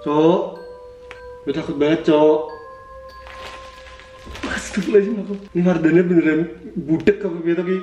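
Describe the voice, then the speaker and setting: A man's voice: fairly high pitch, fairly even intonation, normal speed, pauses often, mellow, echoey room, soft background music, poor audio. A young man, hosting a casual horror-challenge vlog in an office, slangy and swearing in jokey banter. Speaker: vlogger. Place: office room indoors.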